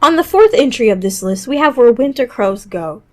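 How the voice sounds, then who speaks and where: With a slightly high voice, lively intonation and a normal pace, a woman reads a scripted top-five video game list in a chatty way, dropping casual asides. Music runs underneath.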